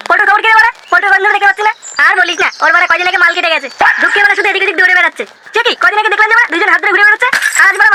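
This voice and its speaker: A man's voice: very high voice, heavy background noise. A man voicing the characters in a crude comic cartoon, slangy and swearing constantly. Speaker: cartoon narrator and voice of several characters.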